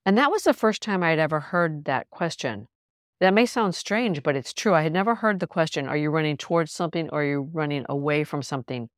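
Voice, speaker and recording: A woman's voice: low-pitched, expressive, a little fast, no echo, studio quality. A woman hosting a podcast, telling a personal story in a candid, reflective, conversational way. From lives in New York City. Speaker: podcast host.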